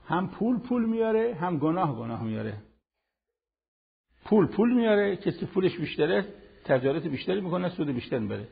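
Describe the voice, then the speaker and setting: An older man giving a televised religious lesson, preaching in an animated, conversational way with everyday examples. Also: high voice, gravelly, slightly rough, long reverb tail, phone-quality sound. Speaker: Quran teacher.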